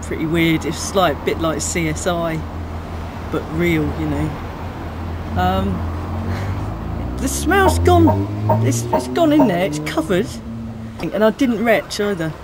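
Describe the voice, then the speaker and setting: A woman's voice: lowish voice, lively intonation, slow pace, long pauses, very noisy. A woman in her thirties chatting to camera in her back garden, squeamish and amused at herself. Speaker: vlogger. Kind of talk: casual to-camera vlog.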